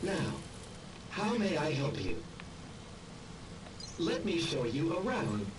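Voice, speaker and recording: A man voicing a calm, polite helper drone in a video game, speaking as a machine computer voice that repeats set phrases. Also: on the high side, slow, distant mic, noisy background.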